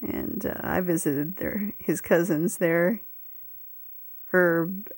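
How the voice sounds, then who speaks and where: A woman narrating family photos in a slow, halting way, full of ums and uhs. Her voice sits fairly low, and the sound is close and dry. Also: no room sound. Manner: hesitant, with many ums and uhs. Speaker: family historian presenting a tape. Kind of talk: casual narration over photos.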